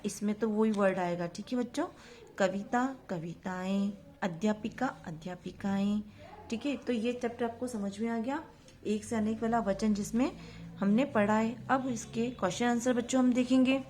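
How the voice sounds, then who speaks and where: A woman's voice: mid-range voice, a little mellow. Woman teacher, patient and repetitive, asks and answers her own questions. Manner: mixes English words into her Hindi. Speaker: school teacher. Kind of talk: recorded online grammar lesson for young children.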